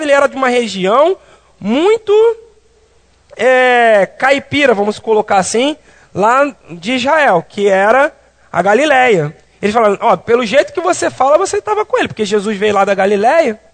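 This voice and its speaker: Man, very high pitch, Bible class teacher, conversational, quizzes listeners. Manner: conversational, asks the class questions.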